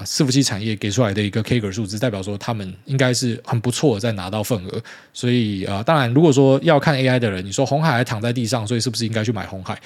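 A man talks through a solo podcast at a brisk clip. His voice sits somewhat low, and his relaxed commentary is dotted with casual sentence-final particles. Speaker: podcast host.

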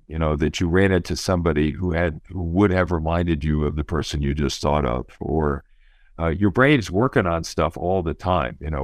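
A man's voice: deep voice, no room sound, studio quality. A man speaking as an expert guest, explaining things in a thoughtful, conversational way. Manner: thoughtful, explanatory, often says you know.

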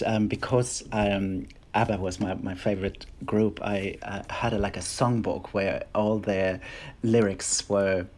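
Chatting as an interview guest, a middle-aged choreographer and dancer with a German accent speaks English as a second language. He sounds hesitant, with many restarts and fillers, and his fairly low, darkish voice comes through with a little hiss or hum.

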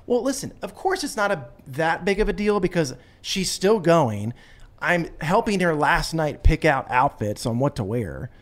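A man's voice: on the high side, big pitch swings, moderate pace. A man in his thirties with an American accent hosting a casual chat show, acting out bits of conversation and restarting his sentences. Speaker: talk show host.

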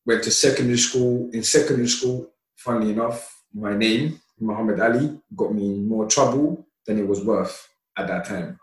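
A man from Somalia, a podcast guest, telling stories from his childhood in a relaxed, chatty way with lots of laughter and fillers. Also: lowish voice, moderate pace. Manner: relaxed, laughs often, many "you know" fillers. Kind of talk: casual storytelling. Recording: roomy, distant mic.

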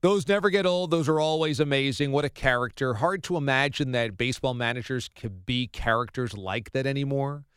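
A man's voice: mid-range voice, brisk, few pauses, a bit bright, clean tone, no room sound, studio quality. A man hosting a sports interview podcast in a conversational way.

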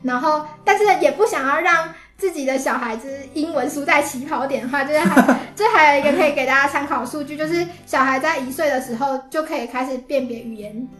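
A woman's voice: high-pitched, a little fast, hardly any pauses, a bit bright, echoey room, faint music behind. A woman with a Taiwanese Mandarin accent explaining things casually as a podcast guest.

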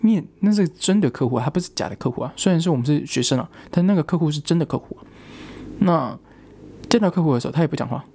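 A man's voice: a little high, animated, fast, gravelly, mellow, a little hiss or hum. A young man, a student, telling a rambling personal story in casual chat, with frequent restarts.

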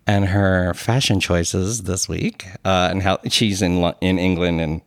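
A man with a Philadelphia accent and a lowish voice, talking in a chatty, digressive way as he co-hosts a podcast. The sound is dry and close, with no room behind it. He drifts off the script with enthusiasm and then comes back to it. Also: steady tone, measured pace, dry recording. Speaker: podcast co-host. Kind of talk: casual chat and ad read.

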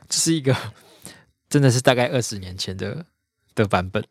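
A man's voice: medium pitch, lively intonation, unhurried, dry recording. A man co-hosting a casual podcast, wry and chatty, laughing easily, close to his mic. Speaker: podcast co-host.

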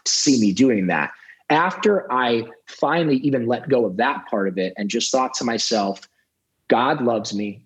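A man's voice: mid-range voice, low-quality recording. A man guest on a podcast telling a candid personal story about recovery and faith, swearing freely and reflecting.

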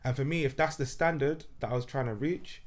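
A man's voice: medium pitch, fairly quick. A man from South London with a roadman accent, chatting casually in slangy street talk. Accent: South London, urban street. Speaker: former footballer, guest. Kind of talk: casual chat.

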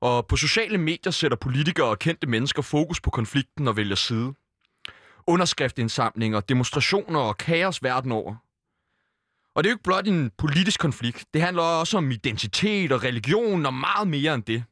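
A man co-hosting a satirical comedy podcast in a studio, with provocative deadpan one-liners. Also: a little high, no echo. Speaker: podcast co-host.

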